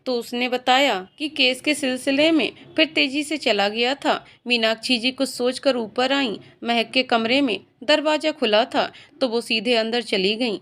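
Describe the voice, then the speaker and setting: A woman's voice: on the high side, unhurried, few pauses, fairly bright tone. A woman reading an emotional story aloud as narrator, voicing every character in her own voice.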